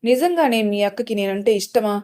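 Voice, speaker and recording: A woman's voice: a little high, lively intonation, brisk, darkish tone, close to an everyday voice. A woman voicing a troubled young husband asking blunt questions. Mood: serious.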